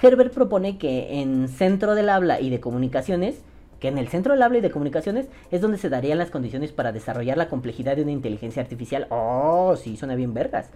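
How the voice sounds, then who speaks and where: A woman's voice: low-pitched, lively intonation, fast, mellow. A woman with a Mexican accent hosting a podcast, reading listener comments in a casual, joking way full of slang and swearing. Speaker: podcast host.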